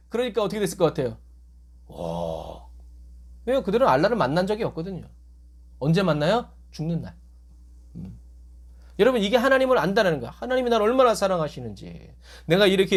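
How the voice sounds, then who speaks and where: A male pastor preaching in a high, very animated voice that leaps up and drops low. He keeps throwing questions at his listeners and answering them himself, and he acts out the quotes he brings in. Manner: acts out quoted voices with sudden rises in pitch. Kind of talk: sermon.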